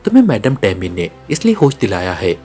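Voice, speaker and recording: Cool, cunning agent hero, voiced by the male narrator for an audiobook, low and even. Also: fairly quick, soft background music. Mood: sly. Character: sly, calm male secret agent hero.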